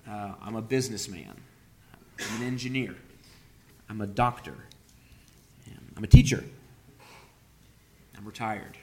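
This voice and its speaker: Man preaching with halting fillers. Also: medium pitch, a little hiss or hum. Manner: hesitant, many fillers. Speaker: pastor. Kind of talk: sermon.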